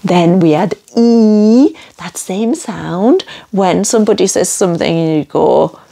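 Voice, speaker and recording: A woman's voice: unhurried, creaky, dark tone. A woman with a Geordie accent teaching French sounds to children in an exaggerated, sing-song way. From northeast England. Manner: exaggerated, sing-song delivery with big pitch leaps. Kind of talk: slow, animated lesson for children.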